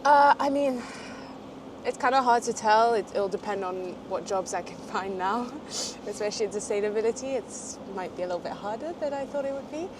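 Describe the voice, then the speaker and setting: A young woman raised in Portugal talks in English with a light British-tinged accent, French being her first language. She chats easily but hesitates often, with many "um"s and small laughs. The recording is made outside on a city street, with clear traffic noise behind her. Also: on the high side, lively intonation, fairly quick. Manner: chatty, hesitant with frequent fillers and small laughs. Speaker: interviewee, graduate student. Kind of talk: casual street interview.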